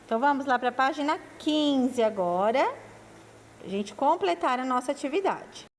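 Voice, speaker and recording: A woman's voice: a little high, long reverb tail, a little hiss or hum. A woman teaching a primary school lesson, patiently sounding out syllables and asking and answering her own questions, calling her pupils her loves. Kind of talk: slow, patient classroom lesson.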